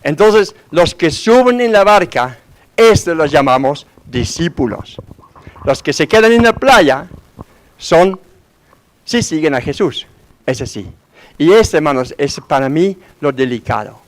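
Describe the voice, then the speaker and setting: Male pastor, slightly high voice, conversational sermon full of rhetorical questions. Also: lively intonation, a little slow. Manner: conversational preaching with frequent rhetorical questions to the congregation; acts out quoted voices in his story.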